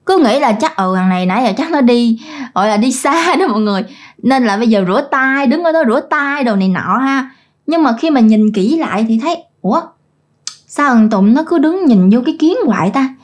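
A woman's voice: on the high side, lively intonation, a little fast. Chatty storyteller woman. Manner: chatty, colloquial, addresses listeners. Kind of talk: ghost story narration.

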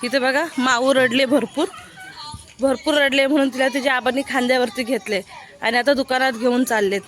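High-voiced woman coaxing a small child. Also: steady tone, a little fast, fairly bright tone. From Maharashtra, India. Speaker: vlogger filming family. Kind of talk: casual family vlog narration. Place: village home, outdoors with family. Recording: busy family crowd behind.

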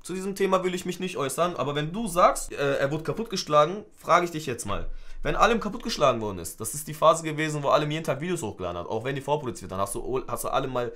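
Man, 20s, street slang, lively storytelling. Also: fairly high pitch. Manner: animated, street slang, quick retelling with acted quotes. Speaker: streamer. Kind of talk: casual live-stream storytelling.

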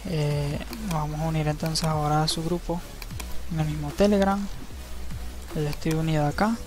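A man narrating a screen-recorded tutorial, explaining each step in a relaxed, easygoing way and often checking in with the viewer. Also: fairly high pitch, moderate pace. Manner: relaxed, step-by-step, frequent tag questions. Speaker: crypto channel host. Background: faint background music.

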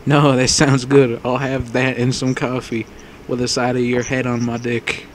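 A man's voice: mid-range voice, level tone, moderate pace, heavy background noise. A man hosting a let's play, reading visual novel text aloud and trading crude jokes with a friend. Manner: crude, joking, laughs often. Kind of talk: casual gaming banter. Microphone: wireless mic.

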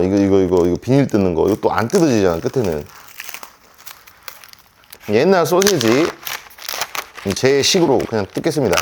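A man's voice: fairly low pitch, noisy background. A man in his thirties chatting to viewers at home while eating a delivery meal and drinking, in a casual mukbang vlog. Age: 30s. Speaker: mukbang vlogger.

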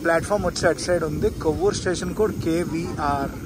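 Talking quickly in a slightly high voice, this travel vlogger chats directly to his viewers while riding a train at night as stations pass. Train rattle and station sounds fill the noisy carriage recording.

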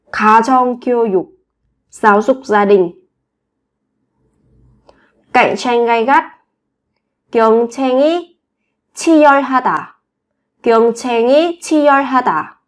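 A fairly high-voiced Vietnamese woman leads a Korean vocabulary drill. She says each word slowly and clearly, repeating it several times for learners to follow. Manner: slow, clear word-by-word repetition. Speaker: Korean language teacher.

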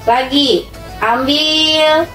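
An Indonesian female fitness instructor with a high voice gives short movement and breathing cues and counts out workout reps. She is picked up from a little way off in a reverberant room, with music behind her. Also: very slow, pushed and bright. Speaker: fitness instructor for older adults. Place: small tiled indoor room at home. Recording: echoey room, distant mic, music behind.

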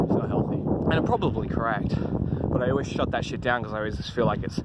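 A man's voice: medium pitch, very noisy. A man vlogging casually, swearing freely and mocking himself. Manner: profane, self-deprecating. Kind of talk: casual self-filmed vlog.

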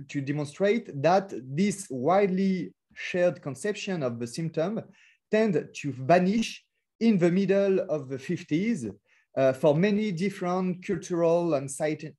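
A man's voice: on the high side, dark tone. A man with a French accent, a philosopher speaking in an academic webinar, with many hesitations and fillers and careful non-native English phrasing. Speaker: lecturer. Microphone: video call.

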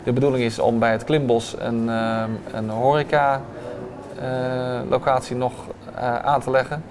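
Amid crowd noise, a thirtysomething restaurant owner answers interview questions a little slowly, his medium-pitched voice showing little pitch movement and many hesitant fillers. A lapel mic records him in a bright dining room.

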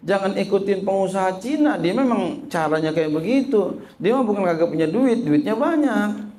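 With a voice that sits high, a male Islamic teacher preaches on a religious text at a moderate pace. He's lively and repeats his points, asks the audience questions only to answer them himself, and reads Arabic phrases, then translates them.

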